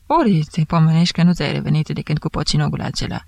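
Woman reader voices a bantering male judge, thick voice with a gravelly edge, dry close sound. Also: low voice, a little mellow, no room sound. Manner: bantering, mocking. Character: jovial teasing male investigating judge.

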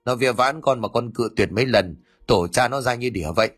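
A man's voice: medium pitch, a little fast, fairly bright tone, breathy edge, soft background music. A man voicing a middle-aged son who protests his innocence deferentially to his mother. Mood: defensive. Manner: protesting, apologetic.

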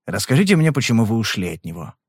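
A man voicing a calm, persistent male private detective in an audiobook, questioning in a blunt, probing way. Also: on the low side, fast, husky, no room sound, clean studio sound, full character voice.

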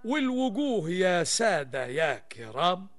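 A man's voice: high-pitched, sing-song, unhurried. An actor playing a wry, teasing Egyptian storyteller in Arabic cafe style, narrating in theatrical rhymed phrases and answering his own questions. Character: playful, wry male storyteller addressing his listeners. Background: music behind the voice.

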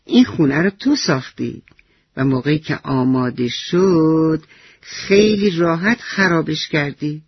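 A man voicing a gentle, husky old grandfather. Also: fairly high pitch, expressive, dry recording, dull audio. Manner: gentle, slow and tender. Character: kind, wise grandfather.

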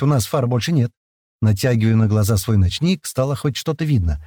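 A man reads a gritty first-person action story, his pitch rising and falling with every burst of action. The sound is dry and close to the mic, with no room around it. When the characters yell, he shouts their lines with rough force. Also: no room sound. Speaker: audiobook narrator.

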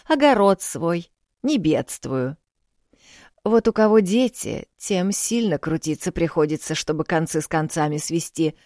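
A woman voicing a loud, blunt village granny. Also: lowish voice, dry recording, clean studio sound, pitched above the performer's own voice. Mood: chatty. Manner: loud, scolding, folksy. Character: elderly village landlady, blunt, earthy, fussing.

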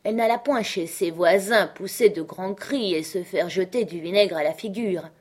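A woman narrating an audiobook of a classic novel in a measured, expressive way. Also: mid-range voice, breathy edge.

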